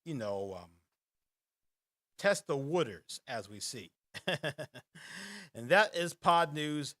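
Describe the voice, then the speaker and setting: A podcast host runs a casual live show, chatting, reading quiz questions, rambling and laughing often. His booming, radio-style voice is pushed and bright, with a sing-song lilt and an unhurried pace.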